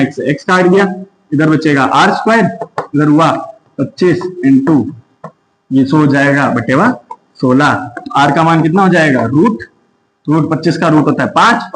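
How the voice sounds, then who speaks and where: Guy doing an exam maths class, talks through each step, high pitched, echoey room. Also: a little hiss or hum. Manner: works through sums step by step, asking and answering himself. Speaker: maths teacher. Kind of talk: exam-prep maths lesson.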